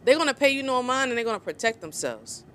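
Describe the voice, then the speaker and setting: Woman, vlogger, heated and sarcastic, slightly high pitch, faint traffic in background. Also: sing-song, fast talker, a bit bright. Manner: heated, sarcastic, mocks others in put-on voices. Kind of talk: angry opinion commentary.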